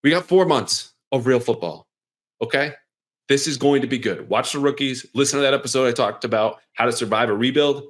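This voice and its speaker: A male sports podcast host in a casual, energetic monologue. His talk is conversational and keeps swinging into lively emphasis. His voice sits at an ordinary middle pitch. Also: fairly quick.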